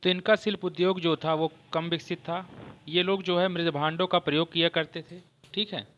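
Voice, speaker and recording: Speaking in a slightly high, steady voice with a fairly bright tone, a man leads an exam-prep history lecture. His slow, step-by-step explanations include restarts, frequent check-ins with students, and a repeated "ठीक है."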